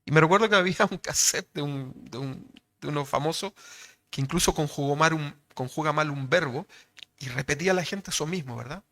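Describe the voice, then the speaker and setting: A man's voice: a little high, a little fast, a bit bright. A man with a Chilean accent preaching a sermon in a conversational way, checking in with rhetorical questions after nearly every phrase. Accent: Chilean Spanish.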